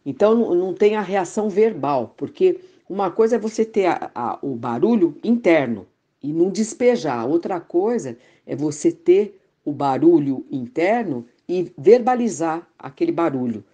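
A woman talking frankly about her frustrations in a casual reflective conversation, halting often with fillers and restarts. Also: on the low side, expressive, warm tone, lo-fi sound. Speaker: conversation partner in spiritual talk.

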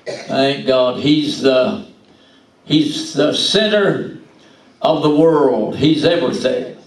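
An older man preaching a sermon into a handheld mic at the pulpit of a small church, measured and punctuated with amens. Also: medium pitch. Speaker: pastor. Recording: echoey church heard from a distance.

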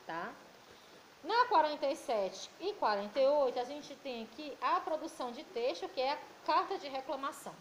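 A woman with a Brazilian Portuguese accent, a primary school teacher giving a recorded remote lesson to children, affectionate and patient, reading word lists slowly. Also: high-pitched, lively intonation, a little hiss or hum, rough recording.

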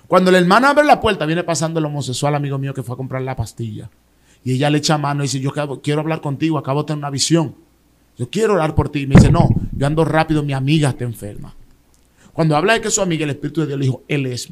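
A man tells an emotional personal testimony as a pastor, acting out the voices of the people in his story. His voice sits somewhat high for a man, and he rises and falls in loudness as the tale grows intense. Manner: dramatic storytelling, voicing others in quotes.

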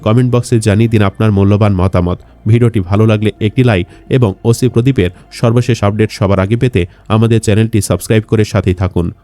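A man's voice: lowish voice, steady tone, fast, dark tone, no room sound. A man reading scripted news narration for an online channel.

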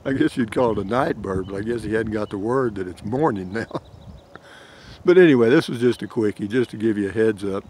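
This older man's voice is fairly low, husky and a little mellow, and he talks fairly quickly with a drawl. As a camping vlogger in a pine forest, he rambles folksily and chuckles often while holding his phone at arm's length.

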